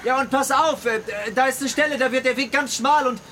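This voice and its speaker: Against clear background noise comes a man playing an anxious young male hiker in an audio drama. His voice sits high, and he stammers and repeats himself as panic takes hold. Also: a little fast, sharp tone. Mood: worried. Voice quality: stammering when frightened.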